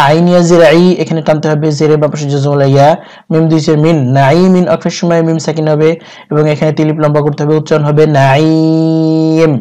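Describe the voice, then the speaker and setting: A man teaching Quran reading, spelling out letters and vowel marks in a steady, methodical way, then reciting each phrase slowly and melodically. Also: a little high.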